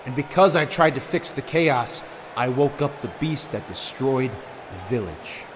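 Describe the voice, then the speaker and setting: A man delivering a dramatic professional wrestling promo in an intense, bitter, emphatic way with deliberate pauses. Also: medium pitch, lively intonation, noisy background.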